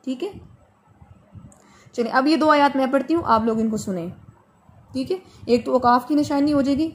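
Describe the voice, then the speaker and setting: A woman teaching Quran recitation in an online class. She patiently corrects a student and slows right down to model each phrase. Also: sits high.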